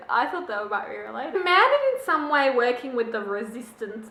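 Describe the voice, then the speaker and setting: Young woman book vlogger, animated and opinionated, bright voice, echoey room. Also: on the high side. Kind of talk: casual book review chat.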